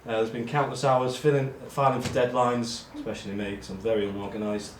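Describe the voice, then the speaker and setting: A man speaks in a flat, monotone voice, rambling and poking fun at himself as he addresses his friends. His voice sits at an ordinary middle pitch. The room is echoey, with a faint hiss of noise underneath. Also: fairly quick. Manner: self-deprecating, rambling with ums. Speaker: award speech giver among friends. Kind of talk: casual speech read to friends.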